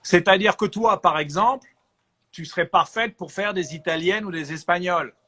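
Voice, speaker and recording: A man from France, an actor, chatting as an interview guest and giving lively advice. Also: high voice, normal speed, breathy edge. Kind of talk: casual interview chat.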